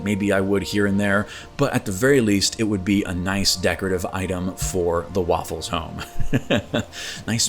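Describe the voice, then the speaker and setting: Low-voiced man narrating his game. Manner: chatty, self-amused, laughs often. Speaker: gaming video host. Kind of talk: casual gameplay commentary.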